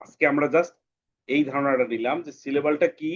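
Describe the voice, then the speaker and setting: A male English teacher giving a class to children, patiently repeating words slowly and breaking them into syllables. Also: fairly high pitch, fairly even intonation. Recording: dull lo-fi sound.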